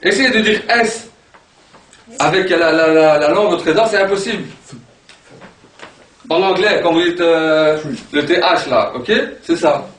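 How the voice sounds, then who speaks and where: A man teaching an Arabic pronunciation class, animated and repeating sounds aloud to demonstrate them. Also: a little high, measured pace, long pauses. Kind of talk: classroom lesson. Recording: echoey room from far off, background noise.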